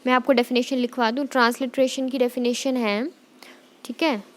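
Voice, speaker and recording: A woman's voice: sits high, level tone, normal speed. A young woman teacher giving an exam-prep lecture in mixed Hindi and English. She dictates definitions word by word, repeats them, and checks in with "theek hai".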